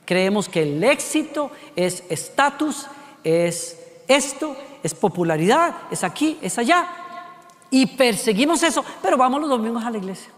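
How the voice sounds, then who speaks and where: A man with a Costa Rican accent delivers a sermon in a high voice. He fires off rhetorical questions, slowing down and dropping his volume for emphasis. The long reverb of a hall trails his words. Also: sing-song. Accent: Costa Rican Spanish. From Costa Rica. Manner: rhetorical questions, shifting pace and loudness for emphasis. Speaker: preacher.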